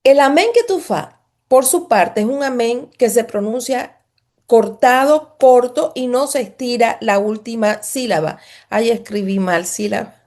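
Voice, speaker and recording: A woman's voice: fairly high pitch, measured pace, darkish tone. A woman giving a religious lesson, explaining patiently, repeating phrases and often checking in with the listener. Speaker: religious teacher.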